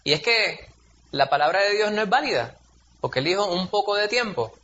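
A man's voice: high voice, expressive, normal speed, sharp tone, highs cut off. A man, preaching a sermon in a conversational, storytelling way, acting out quotes in a raised voice. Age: 40s.

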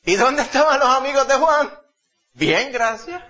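A man's voice: very high-pitched, expressive, unhurried, bright, forceful tone. A man preaching a sermon in an emphatic way, often calling the listeners brother. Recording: dull lo-fi recording.

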